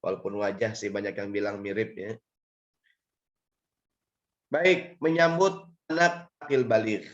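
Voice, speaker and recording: A man with an Indonesian accent and a hoarse, raspy voice, giving an informal religious lecture in a conversational, explanatory way. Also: fairly low pitch, a little slow, long pauses. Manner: conversational, lightly joking, explains step by step. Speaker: Islamic preacher and guest speaker. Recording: dull, lo-fi audio.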